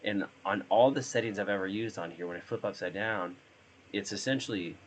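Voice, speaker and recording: Very deep-voiced hoarse man streaming. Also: brisk, slight background noise. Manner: rambling, thinking aloud. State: hoarse from being sick. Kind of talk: casual live-stream chat while gaming.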